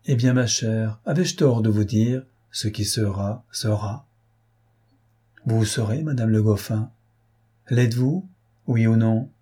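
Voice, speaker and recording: A man's voice: on the low side, slow, long pauses, dark tone, husky. A man reading aloud who voices a loyal, earnest sailor recounting events in a solemn way. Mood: teasing. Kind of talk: audiobook character reading.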